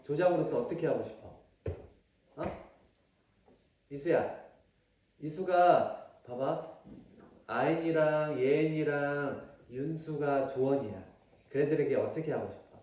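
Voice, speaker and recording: A male pastor giving a family sermon, coaxing children with questions and sometimes acting out a shouting father. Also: medium pitch. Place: church hall. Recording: very echoey hall from far off.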